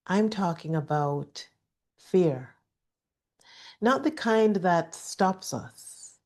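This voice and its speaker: Middle-aged woman, soft and gentle, very slow pace, mellow tone, reflective podcast storytelling. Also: fairly low pitch. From Jamaica. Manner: gentle, measured, deliberate pauses. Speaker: podcast host. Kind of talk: reflective personal storytelling with calming guided-meditation delivery.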